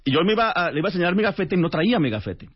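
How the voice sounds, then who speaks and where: A man with a Mexican accent, a radio guest, telling a story in a lively way and acting out the voices of the people in it. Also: sits high, rapid-fire, husky. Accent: Mexican Spanish. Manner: lively, acts out quoted dialogue. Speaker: guest, translator and author. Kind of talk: animated storytelling. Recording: muffled radio broadcast sound.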